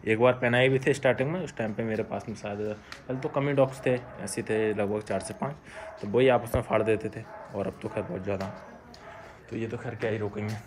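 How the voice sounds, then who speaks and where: A man's voice: lowish voice, steady tone, fairly quick, background noise. A man chatting casually through a vlog walkthrough of an outdoor yard where he cares for dogs, often calling out to them. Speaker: dog shelter caretaker. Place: outdoor yard at a home under construction.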